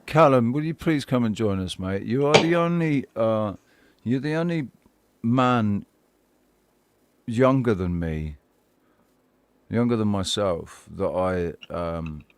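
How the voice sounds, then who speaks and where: A middle-aged man hosting a casual podcast chat, halting and restarting his phrases, often repeating words. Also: on the low side, lively intonation, smooth. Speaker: podcast host.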